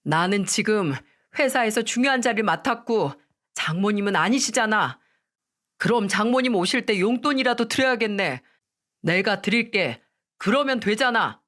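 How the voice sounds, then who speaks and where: An arrogant newly promoted husband, as a woman reads him in a dramatized story, curt and irritated. He sounds dismissive and talks at a middling pitch. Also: expressive, moderate pace, a bit bright, lightly acted.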